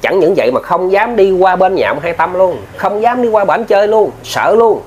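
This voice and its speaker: A man's voice: high voice, expressive, normal speed, a little mellow, muffled recording, slight background noise. A man with a Southern Vietnamese accent telling a ghost story in a casual, chatty way, often turning to his listeners and using many filler words. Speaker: ghost story narrator, channel host.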